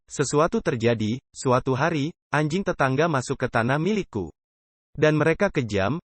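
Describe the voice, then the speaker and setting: Male sermon dubber, fast, dry booth sound, acts out the dialogue. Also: medium pitch, no room sound. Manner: lively storytelling, acting out dialogue. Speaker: preacher dubbed into Indonesian.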